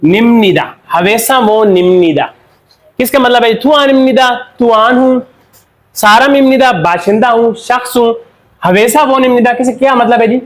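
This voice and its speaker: A man with a Pakistani Urdu accent teaching a Korean pronunciation lesson. He asks questions, answers them himself, and slows down to spell out the example words. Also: very high voice. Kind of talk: classroom lesson explanation.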